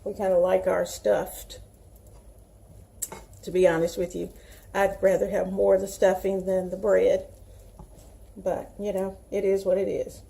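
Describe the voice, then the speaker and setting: A woman's voice: mid-range voice, flat delivery, unhurried, gravelly, long pauses, dark tone. A woman with a Southern US accent, chatting in a folksy way to viewers as she hosts a casual home cooking demonstration. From Southern United States. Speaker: home cooking show host.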